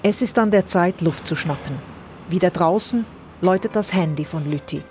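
A woman reporter reading a scripted radio news report in a measured, dryly commenting manner. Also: lowish voice, a little mellow, a little hiss or hum.

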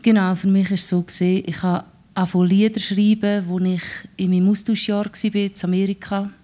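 This Swiss German-accented singer-songwriter speaks at a medium pitch with a dark tone, a flat delivery and a slightly quick pace. Reflecting on how she writes songs in a relaxed radio interview, she pauses thoughtfully to find her words.

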